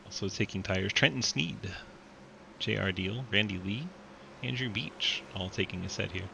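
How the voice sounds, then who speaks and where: Guy with a low gravelly voice calling an online race, noisy stream audio. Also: pushed and bright. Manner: quick play-by-play, laughs often. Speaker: race commentator. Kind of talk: sim racing play-by-play commentary.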